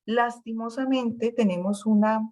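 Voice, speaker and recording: A woman's voice: on the high side, steady tone, measured pace, dark tone, poor audio. Female lecturer, a classroom explainer who repeats words as she thinks and asks "¿sí?". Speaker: speech therapy lecturer.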